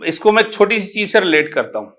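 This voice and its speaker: A middle-aged man, an Ayurvedic doctor explaining health advice in an animated, explanatory way. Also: high voice, fairly quick. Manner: animated, explanatory, with homely personification.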